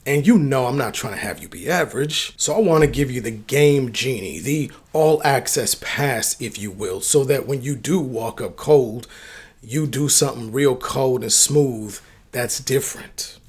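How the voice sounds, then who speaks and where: A man's voice: mid-range voice, a little slow, breathy edge. A man hosting a dating advice channel, talking straight to his viewers in an emphatic, slangy, coach-like way. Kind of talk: direct-to-camera advice talk.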